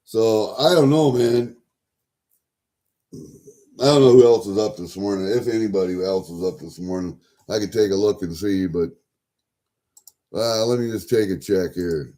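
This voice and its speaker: A man chatting casually to viewers as a livestream host, folksy and sweary, thinking out loud as he goes. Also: lowish voice, normal speed, pauses often. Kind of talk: casual rambling chat to viewers.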